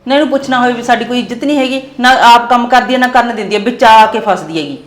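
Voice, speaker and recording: A young woman talks fast and a little high, indignant and complaining. She is in an echoey room with faint music behind her. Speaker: daughter-in-law in a family skit.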